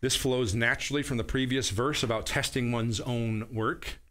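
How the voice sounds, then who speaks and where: Here a man in his forties preaches from a table in a small studio set against a wooden wall, his voice medium-pitched, steady, fairly bright and moderately paced. The pastor works through his verses one at a time with earnest teaching and occasionally makes sure listeners are keeping up. He sits at the table, filmed from medium distance.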